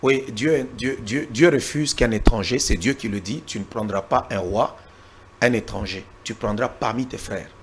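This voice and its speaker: Pressed during a heated political debate, a Congolese interview guest argues hard, repeats himself and cites scripture. He speaks at a moderate pace in a medium-pitched voice, with a slight hiss or hum on the recording.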